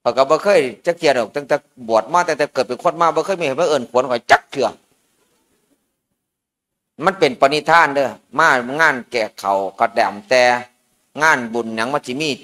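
A man's voice: mid-range voice, a bit bright. A man, a Buddhist monk with an Isan accent, giving an informal sermon at a merit-making ceremony in a folksy, joking storytelling manner.

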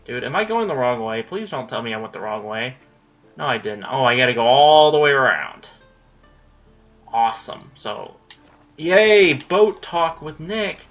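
This late-teen YouTuber talks casually about his recording plans as he plays, swearing at mishaps. His mid-range voice is a bit bright, with lively intonation and an unhurried pace. Faint music plays behind him, and the highs are cut off.

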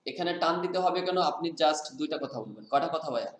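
A man's voice: on the high side, brisk, a bit bright, roomy sound. A man teaching Quran reading rules in conversation, often asking his student to repeat the answer back to him.

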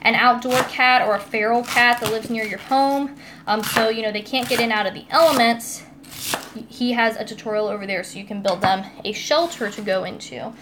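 With fairly even intonation and normal speed, this higher-voiced young American woman hosts a casual cooking live stream indoors in her home kitchen. Chatty and giggly, she reads viewer comments aloud; the noisy sound is captured by a phone or tablet set a little way off.

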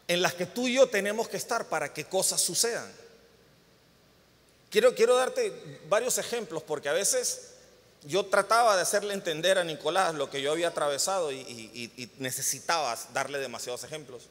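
Animated man preaching in a reverberant church. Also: on the high side. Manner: animated storytelling, acts out scenes with sudden loud bursts. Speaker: pastor. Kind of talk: sermon. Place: church hall.

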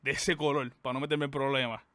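A man's voice: medium pitch, flat delivery, fast, a loud crowd. A man hosting a casual podcast, mostly throwing in short reactions and laughs. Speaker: podcast host.

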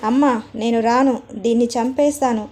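A woman's voice: on the high side, fairly even intonation, moderate pace, warm tone, a little hiss or hum, close to an everyday voice. A woman voicing a spiteful young woman who makes threats.

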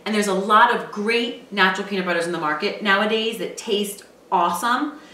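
Bright-voiced mom hosting a kitchen show. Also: female voice, medium pitch, fairly quick, a little hiss or hum. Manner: upbeat, chatty, encouraging tips. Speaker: cooking show host, mother. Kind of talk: casual cooking demonstration with her daughter. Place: home kitchen, indoors. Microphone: far camera mic. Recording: roomy kitchen echo from a distant mic.

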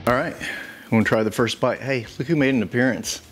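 A man's voice: mid-range voice, fairly quick, over music. A man hosting a casual home cooking video, joking around and chuckling as he cooks. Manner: joking, easygoing, chuckles often. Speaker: cooking show host. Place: home kitchen.

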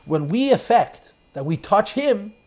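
A man's voice: sits high, sing-song, unhurried. Man teaching a Chassidic text class. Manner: explains in English mixed with Hebrew and Yiddish terms, varying emphasis; quotes and translates lines of text, swings loud and soft. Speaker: Torah teacher.

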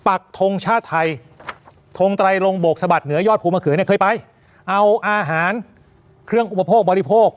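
A male news anchor giving emphatic, animated commentary. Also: sits high, normal speed.

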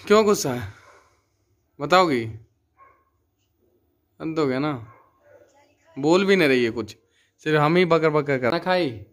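A man's voice: on the high side, a little slow, long pauses. A young man chats on a phone camera at home at night. He teases and coaxes over and over in a slightly raised, playful voice. The sound is a plain casual vlog recording. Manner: coaxing, teasing, repeats himself. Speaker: vlogger filming his wife. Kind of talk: casual family vlog chat.

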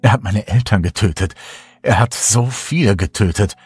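A man's voice: lowish voice, normal speed, breathy edge, dry recording. A man playing the frightened first-person hero of a horror audiobook, asking urgent, breathless questions.

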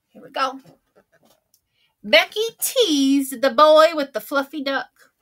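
A woman puts on the voice of a folksy old Southern grandma, high and bright, drawling slowly through a picture book read-aloud. Homespun, chatty and theatrical, she lingers on each word, gasping and exclaiming.

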